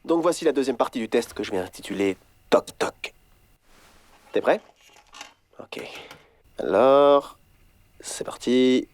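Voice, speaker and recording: A man's voice: medium pitch, animated, slow pace, long pauses, darkish tone. A man voicing a bold, curious teenage boy who bosses his friend around, in dubbed film dialogue. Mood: playful. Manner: bossy, urging his friend on. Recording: film score playing behind.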